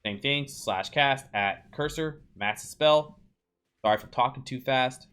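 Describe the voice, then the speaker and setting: A man's voice: mid-range voice, unhurried, fairly bright tone, smooth. Chatty man walking through game settings. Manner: loose and chatty, many ums and restarts, talks to viewers as "you guys". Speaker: game guide creator and streamer. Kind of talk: casual gameplay tutorial voice-over.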